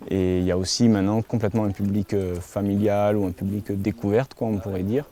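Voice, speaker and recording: A man's voice: lowish voice, fast talker. A man who keeps a mountain hut, speaking casually in an interview with many small hesitations. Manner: relaxed, hesitant with frequent fillers.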